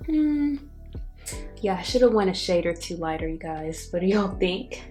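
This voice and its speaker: Soft music plays behind a woman with a slightly low voice. She chats casually and directly to her viewers as a beauty vlogger giving a makeup review. Her speech is slightly affected by the retainer she is wearing. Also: animated, moderate pace. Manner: chatty, addresses viewers directly. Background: background music.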